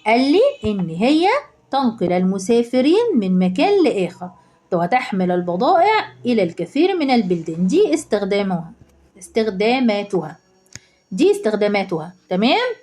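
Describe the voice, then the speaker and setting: A woman's voice: mid-range voice, sing-song, mellow. A woman with an Egyptian Arabic accent teaching a lesson, asking questions and answering them herself with lots of repetition. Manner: asks and answers her own questions, repeating key words; slows down and stretches words when reading aloud. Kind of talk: classroom lesson explaining exam answers.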